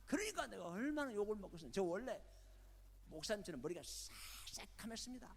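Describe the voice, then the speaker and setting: Older male preacher, animated storyteller, high and lively, in a reverberant hall. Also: brisk, breathy edge. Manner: lively storytelling, acting out the people in his stories. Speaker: retired senior pastor. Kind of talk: sermon. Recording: long church-hall reverb.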